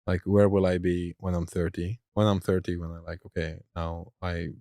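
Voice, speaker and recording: A man's voice: deep voice, flat delivery, normal speed, warm tone, no echo, studio quality. A man in his thirties from Syria, a startup founder chatting in an interview, hesitant with many restarts and fillers, laughing easily. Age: 30s. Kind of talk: casual interview chat.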